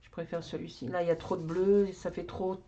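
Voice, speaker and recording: A woman's voice: fairly low pitch, little pitch movement, a little fast, mellow, dull audio, a little hiss or hum. A woman giving a casual show-and-tell of her coloring books, rambling and talking to herself as she searches for things. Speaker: craft vlogger.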